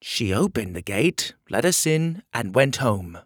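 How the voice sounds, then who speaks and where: A man's voice: mid-range voice, sing-song, a little slow, no echo, clean studio sound, pitched above the performer's own voice. A man doing an earnest young hero. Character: brave young male hero, loyal and earnest.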